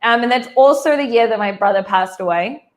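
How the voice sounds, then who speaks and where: Her voice runs a little high and a little fast as she chats through her life story over a video call. She's a New Zealander in her thirties, an easy laugher who keeps saying "like" and starting sentences over, all in a casual interview-guest manner.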